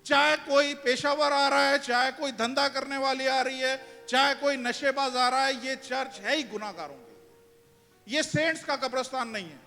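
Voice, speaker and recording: A man's voice: very high voice, moderate pace, creaky, bright, forceful tone. A male pastor preaching a sermon to his congregation, asking it questions and driving his points home. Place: church hall. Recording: church hall reverb with music behind.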